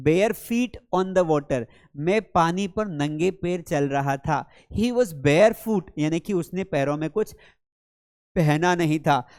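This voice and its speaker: A man teaching English vocabulary in a lesson, calling students beta and reading English example sentences slowly. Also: high-pitched, darkish tone, no echo, studio quality. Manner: calls listeners beta, slows right down for English example sentences. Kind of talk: classroom lesson explaining words.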